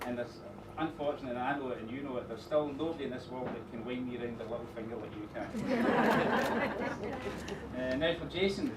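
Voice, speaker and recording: A middle-aged man giving an informal wedding speech as father of the bride, rambling a little with pauses and dry teasing asides. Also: mid-range voice. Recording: echoey room, distant mic, noisy background.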